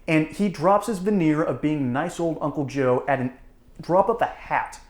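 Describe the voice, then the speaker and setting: A man's voice: on the high side, normal speed. An American man hosting political commentary, speaking to his audience in an emphatic, theatrical, folksy manner, recorded in a roomy space. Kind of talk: opinionated commentary to camera. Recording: roomy, echoing room.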